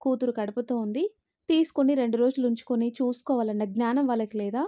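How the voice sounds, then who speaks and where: A woman voicing a bitter, sharp-tongued middle-aged mother-in-law who scolds and taunts in a raised voice. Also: fairly high pitch, fast talker, close to an everyday voice. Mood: scornful.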